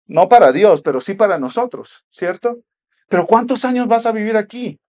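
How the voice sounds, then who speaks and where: A male pastor preaching with a notably high voice. He hammers home his points with repeated rhetorical questions. He drops from forceful lines to near-whispered ones. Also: lively intonation, moderate pace. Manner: emphatic, repeats rhetorical questions, swings from loud to hushed. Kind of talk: sermon.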